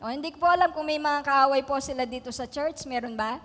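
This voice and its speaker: A woman's voice: sits high, quick pace, a bit bright. A middle-aged woman from the Philippines preaching a sermon, telling family stories in a chatty way, laughing often and checking in with the congregation. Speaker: pastor. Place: church hall. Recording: long reverb of a church hall.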